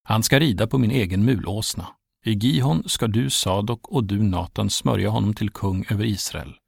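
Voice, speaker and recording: Man voicing an old king, solemn and gravelly. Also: fairly low pitch, darkish tone, no room sound, clean studio sound. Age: 70s. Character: aged king giving solemn commands.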